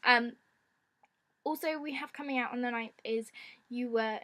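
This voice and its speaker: A woman with a croaky voice, chatting casually and informally as she presents a film vlog. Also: fairly high pitch, unhurried, sharp tone. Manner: informal, giggly. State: croaky from a lingering ailment. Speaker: film vlogger.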